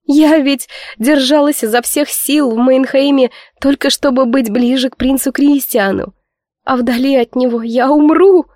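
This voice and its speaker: A woman's voice: moderate pace, darkish tone, no room sound, clean studio sound, close to an everyday voice. A woman voicing a sobbing young noblewoman. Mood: lovesick. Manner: sobbing, pleading, high-pitched. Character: weepy young noblewoman cousin, heartbroken. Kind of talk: audiobook character voice.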